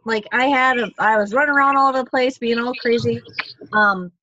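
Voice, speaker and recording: A woman's voice: a little high, brisk, bright, forceful tone, no echo. Rambling woman on dull call audio. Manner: rambling, self-correcting, casual swearing. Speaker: co-leader, mother of four. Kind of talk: casual meeting talk.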